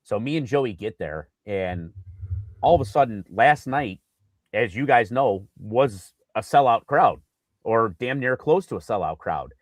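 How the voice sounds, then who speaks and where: A man co-hosting a casual sports podcast, telling an animated story with lots of fillers and acted-out quotes. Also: medium pitch, measured pace, no echo. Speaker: podcast co-host.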